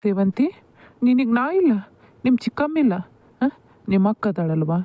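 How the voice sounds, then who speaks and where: A woman's voice: on the high side, big pitch swings, moderate pace, no room sound. A woman voicing a kind, doting middle-aged village father in a cartoon, coaxing and affectionate, with a North Karnataka Kannada accent. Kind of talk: cartoon voice acting. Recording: dull lo-fi dry audio.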